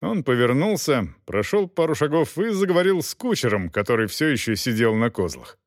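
A man narrating an audiobook in an expressive storytelling manner. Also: mid-range voice, brisk, no room sound, studio quality.

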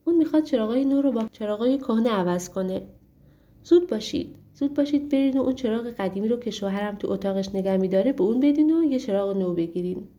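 A rash young princess in a storybook tale, high and urgent as she hurries her servants along, voiced by a woman reading the story. The voice rides well above the reader's own and stays mellow and soft underneath. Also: animated, hardly any pauses, muffled recording, close to an everyday voice.

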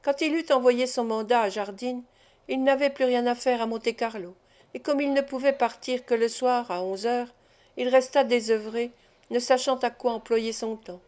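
A woman narrates a nineteenth-century novel for an audiobook, in an even and measured storytelling voice. Her pitch sits a little above the usual. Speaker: audiobook reader.

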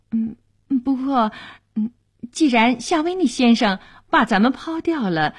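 A woman's voice: a little high, breathy edge, dry recording, studio quality. A woman voicing a sly society lady who speaks in a teasing, mocking way, in a radio storytelling reading.

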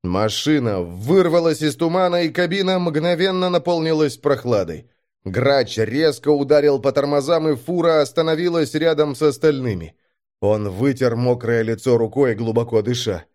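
Male audiobook narrator, mid-pitched, tense and dramatic. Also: expressive, normal speed, a little mellow.

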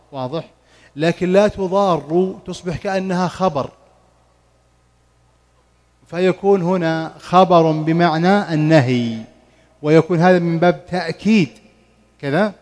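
A man leads a mosque study circle, his voice sitting a little higher than most men's. He draws out each recited verse slowly, then checks with his listeners whether they follow. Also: darkish tone. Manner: slow drawn-out recitation of verses, quizzing students. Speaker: Quran commentary teacher. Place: mosque lesson hall.

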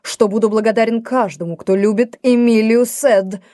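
A woman reading the part of a defiant young gentleman in an audiobook, speaking in a passionate, declamatory way. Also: fairly high pitch, fairly even intonation, moderate pace, no echo, clean studio sound, lightly acted.

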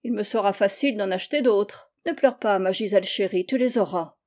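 A woman reading a gentle, indulgent father. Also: mid-range voice, fairly quick, lightly acted. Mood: pleading. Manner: gentle, pleading. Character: indulgent, mild-mannered father.

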